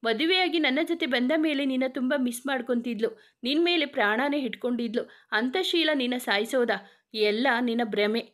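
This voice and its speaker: A woman voicing a young husband who talks calmly and reassuringly in a horror story. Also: high voice, moderate pace, natural voice.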